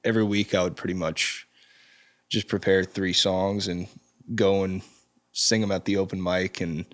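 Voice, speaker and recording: A man in his twenties, a musician guest, talking in a relaxed, halting way with frequent ums in a studio interview. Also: low-pitched. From Czech Republic. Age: 20s. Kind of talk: casual interview chat. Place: recording studio.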